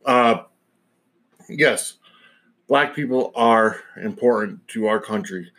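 A man's voice: mid-range voice, takes it slowly, a bit bright. A man hosting a podcast alone, giving a casual opinion monologue in a rambling, digressive way. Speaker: podcast host.

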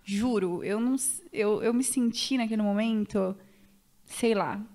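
A young Brazilian woman guest on a podcast, telling a story in an animated, chatty way with many fillers and restarts. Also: mid-range voice, unhurried. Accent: Brazilian Portuguese. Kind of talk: casual chat.

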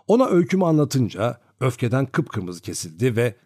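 A man's voice: mid-range voice, brisk, dry recording, studio quality. A man narrating a classic novel as an audiobook, reading expressively. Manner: expressive storytelling.

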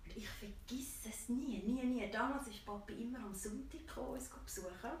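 A woman's voice: on the high side, normal speed, slight background noise. Swiss German woman telling a story, echoey. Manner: lively, laughing, acts out quoted dialogue. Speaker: guest. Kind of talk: personal storytelling in conversation. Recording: echoey room, distant mic.

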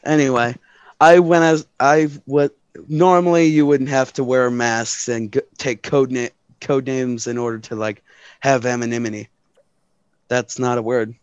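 A man's voice: mid-range voice, fairly even intonation, unhurried, clean tone, no room sound, lo-fi sound. A man running a tabletop game, talking in a rambling, self-correcting way.

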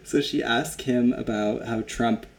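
A man's voice: medium pitch, fairly even intonation, unhurried, gravelly. A man hosting a casual podcast, recapping a scene and acting out the quotes. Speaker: podcast host.

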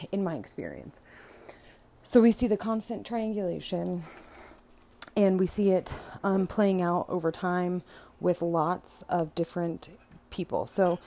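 Low, mellow woman talking hesitantly. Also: slight background noise. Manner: hesitant, frequent "um" and restarts. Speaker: speaker on family dynamics. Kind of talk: casual monologue.

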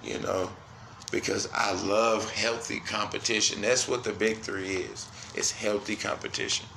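A man hosting a solo sports podcast, cursing freely and swinging between loud outbursts and quiet, low asides. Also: little pitch movement, a little slow, creaky, echoey room, a little hiss or hum. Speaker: podcast host.

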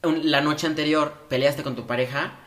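A Mexican man co-hosting a podcast in casual chat, animated and freely swearing, acting out the voices in his stories. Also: on the high side, moderate pace. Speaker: podcast co-host.

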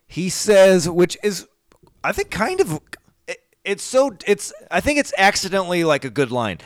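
A man hosting a podcast, reviewing a movie in casual chat, laughing loudly and swearing a lot. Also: high voice, wildly swooping pitch, moderate pace, no room sound. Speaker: podcast host.

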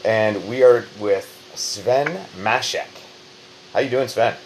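A Canadian man hosts a podcast with loose, joking banter, his voice sitting very low. A faint ambient hiss runs under the recording. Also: takes it slowly, rough recording. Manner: joking, rambling. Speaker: podcast host. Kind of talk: casual podcast chat.

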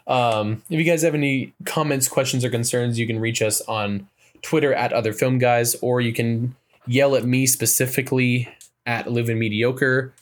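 A man co-hosting a film podcast in casual chat, brisk and dry as he steers the show toward its close. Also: mid-range voice, steady tone. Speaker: podcast co-host.

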